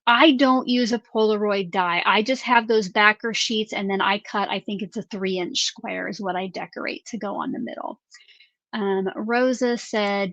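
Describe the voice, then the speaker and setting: A woman's voice: medium pitch, a bit bright, dry recording. Cheery woman doing a craft livestream, reading out names and questions, dry kinda muffled sound. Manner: upbeat, reads viewer names and questions aloud. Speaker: craft live stream host. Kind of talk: casual live-stream chat.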